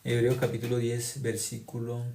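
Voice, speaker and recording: A man preaching a sermon, repeating phrases for emphasis and swinging from loud exclamations to quiet, low lines. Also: completely flat delivery, moderate pace, vocal fry. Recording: echoey room.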